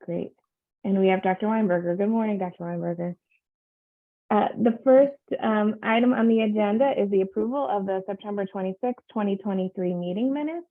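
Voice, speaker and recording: A woman's voice: medium pitch, fairly quick. A woman chairing a public board meeting on a video call, running through the agenda with many fillers. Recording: tinny phone-like line.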